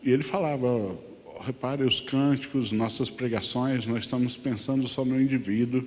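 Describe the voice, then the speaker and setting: A Brazilian pastor teaching a Sunday Bible class in a conversational way, often asking the class questions. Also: male voice, mid-range voice, steady tone, darkish tone, big-room sound. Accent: Brazilian Portuguese. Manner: conversational, asks the class questions, many tag questions; sings lyric lines slowly. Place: church hall.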